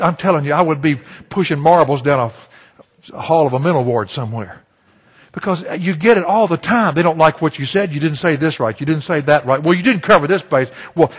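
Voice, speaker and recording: Husky preacher man, folksy. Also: on the high side. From Virginia, USA. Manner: folksy storytelling preacher, self-deprecating humor. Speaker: pastor. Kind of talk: sermon.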